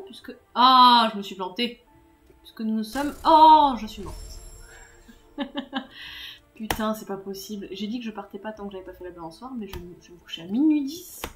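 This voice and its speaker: This is a woman streaming a game, chatting easily with viewers and often laughing as she teases herself over her mistakes. Her voice sits in the mid range and has a slightly mellow quality, and she keeps talking to chat throughout.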